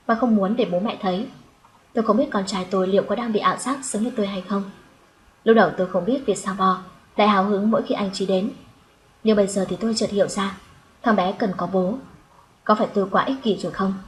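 A woman narrating a story in the first person as an audiobook, in a calm, reflective way. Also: medium pitch, a little hiss or hum, poor audio.

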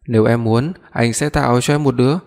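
A man's voice: medium pitch, steady tone, brisk, vocal fry, darkish tone, natural voice. A man doing a cocky, teasing young man. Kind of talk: audiobook reading. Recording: long reverb.

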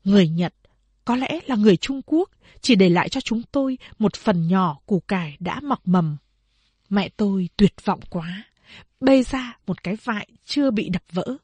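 Husky-voiced woman narrating a novel. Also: mid-range voice, lively intonation, moderate pace, a little mellow, no echo. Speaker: audiobook narrator.

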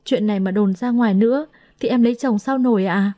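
A woman's voice: medium pitch, a little fast, warm tone, close to an everyday voice. A woman voicing a frightened young woman who pleads in a trembling, raised voice in a storybook reading. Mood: pleading.

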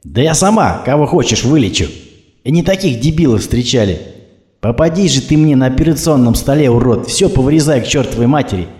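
A man's voice: medium pitch, very animated, brisk, a little mellow, voice pushed up, lightly acted. A man voicing an irritable young woman doctor who snaps back at rude drivers. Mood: indignant. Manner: indignant, snapping. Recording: roomy echo.

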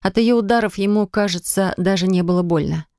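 A woman narrating an audiobook in an expressive style, on a studio microphone. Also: fairly quick, dry recording. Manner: expressive, rising high and loud in the heroine's angry lines.

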